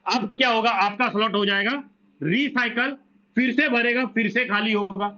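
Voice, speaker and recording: High-voiced man explaining step by step. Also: fairly even intonation, moderate pace, sharp tone, dull audio. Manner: repetitive, asks questions and answers them himself; corrects himself mid-sentence. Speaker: presenter explaining a business plan. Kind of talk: explanatory walkthrough to an online audience.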